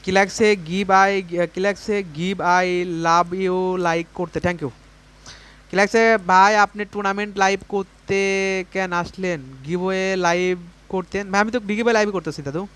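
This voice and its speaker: A man's voice: sits high, fairly even intonation, moderate pace, fairly bright tone, clean tone. A young man, chatting casually on a gaming livestream while reading out viewer comments and urging viewers to send coins. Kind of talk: casual live stream chat.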